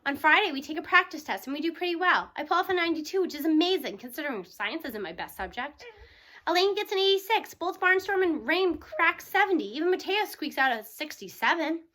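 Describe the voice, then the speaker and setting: Reading a children's story aloud, this female audiobook narrator has a bright, very high voice and a brisk delivery. Her first-person telling is lively, and she performs the story as she reads.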